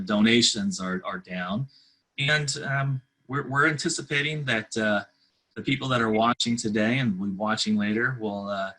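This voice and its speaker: A man's voice: lowish voice, sharp tone, breathy edge, low-quality recording. A man giving earnest, conversational interview answers as a charity representative, with somewhat hesitant phrasing.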